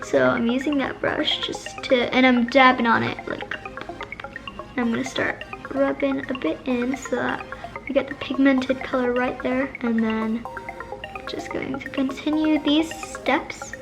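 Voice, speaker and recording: A woman's voice: high-pitched, fairly even intonation, measured pace, creaky. A woman casually talking through a makeup tutorial, chatty, with lots of fillers and self-corrections. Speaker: makeup vlogger. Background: background music.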